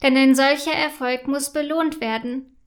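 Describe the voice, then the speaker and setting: A woman narrating a children's story in a calm, even read-aloud style. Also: high-pitched, normal speed.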